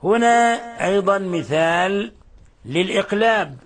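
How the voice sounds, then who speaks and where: A man with a high-pitched voice teaches the rules of Quran recitation. He explains patiently and often goes back to repeat or correct a phrase as he lays out each rule. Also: expressive, a little slow. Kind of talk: tajweed lesson.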